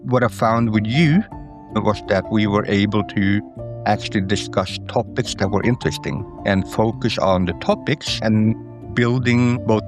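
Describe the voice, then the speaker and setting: A middle-aged man from Norway, an interview guest who speaks in a thoughtful, measured way with a few fillers. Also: fairly low pitch. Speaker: interview guest, Italian student. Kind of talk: conversational interview.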